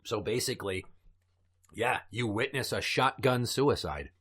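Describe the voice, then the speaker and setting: A man's voice: mid-range voice, unhurried, breathy edge. A man hosting a comedy podcast, chatting casually and telling crude, morbid jokes. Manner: dark crude joking, storytelling. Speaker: podcast host.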